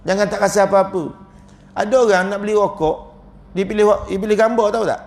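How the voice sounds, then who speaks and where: A man's voice: high-pitched, fairly even intonation, fast, vocal fry. A man with a Malaysian Malay accent giving a humorous religious lecture as a religious teacher, joking and chuckling often as he tells his stories.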